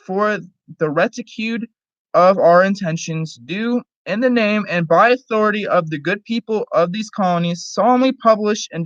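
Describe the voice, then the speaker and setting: A person giving a solemn, halting reading aloud of a formal historical document. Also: medium pitch, no echo. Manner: halting, stumbles over words and rereads them. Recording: dull lo-fi recording.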